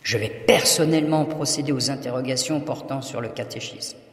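Narrator putting on a jumpy zealous friar voice, higher than his own, kinda pleading. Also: fairly quick, slightly rough. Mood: anxious. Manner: pleading, strained and excitable. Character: zealous fearful male friar.

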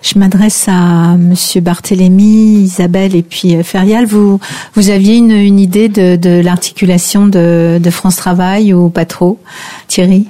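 A woman's voice: fairly low pitch, steady tone, unhurried, warm tone. A woman hosting a radio interview, speaking hesitantly with many fillers and short agreeing replies. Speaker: radio host.

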